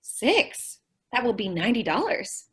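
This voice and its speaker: Heavily acted and sing-song, a slightly high, husky female voice portrays a naive, cheerful shop girl from vintage radio comedy. She speaks at a measured pace, sounding earnest, guileless, and literal-minded in her scatterbrained sweetness.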